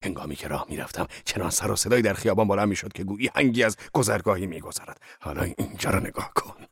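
A man's voice: deep voice, gravelly, breathy edge, dry recording, clean studio sound, exaggerated voice. A man doing a fiery, blunt old laborer. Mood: fierce. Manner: loud, scornful, heated outbursts. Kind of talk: audiobook reading.

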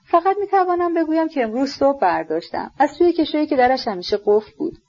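A woman reading aloud, voicing a tense, brooding grown man in shock who talks hushed and then wildly. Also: high-pitched, lively intonation, muffled recording, pitched above the performer's own voice. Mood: numb.

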